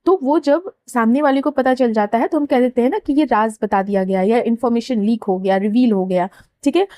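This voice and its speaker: Mellow-voiced woman teaching vocabulary. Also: fairly high pitch, fairly quick, no echo. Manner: patient, repeats key words and checks understanding. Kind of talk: explaining word meanings.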